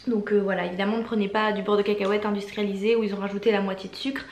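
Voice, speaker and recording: A woman's voice: medium pitch, level tone, rapid-fire, a little mellow. A young woman in her twenties chatting enthusiastically about her favorite products, with lots of fillers. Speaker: beauty and lifestyle vlogger. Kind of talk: casual product favorites talk. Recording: echoey room.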